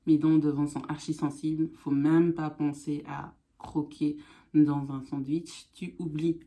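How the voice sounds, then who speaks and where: A woman's voice: low-pitched, little pitch movement, a little slow, mellow. A woman vlogger chatting casually to camera, her speech affected by newly fitted braces.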